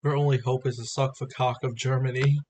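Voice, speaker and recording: A man's voice: mid-range voice, little pitch movement, fairly quick, a little mellow, faint music behind. A man giving casual reaction commentary as a streamer, in a hesitant, rambling way.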